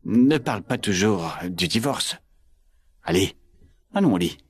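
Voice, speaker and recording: A man's voice: lowish voice, lively intonation, a little slow, breathy edge. A man playing a rich, protective young husband in a dubbed drama, terse and easily baffled. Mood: gentle, terse. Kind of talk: dubbed short-drama acting.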